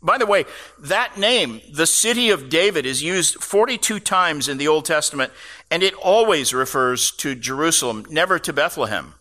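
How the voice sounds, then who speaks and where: A man's voice: a little high, expressive, normal speed, pushed and bright. A man preaching a sermon, explaining scripture passages with casual asides to the congregation. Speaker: pastor. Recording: long reverb of a large hall.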